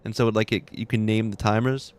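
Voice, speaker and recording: A man's voice: lowish voice, level tone, a little fast. A man streaming a game from his room at home, chatting casually with viewers and telling rambling, laughing anecdotes full of restarts. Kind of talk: casual chat with stream viewers while gaming.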